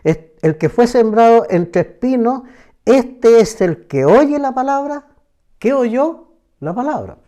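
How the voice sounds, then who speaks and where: Male preacher for a Bible study program, unhurried, mellow, repeats key phrases. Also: extremely high pitch, animated. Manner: slow, emphatic, repeats phrases.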